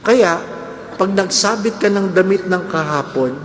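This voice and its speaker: A priest giving a humorous homily, keeping the congregation involved with constant questions back to them. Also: male voice, sits high, a little slow, background noise. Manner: animated, jokes, keeps asking the congregation "di ba?". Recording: echoey church hall with faint ambience.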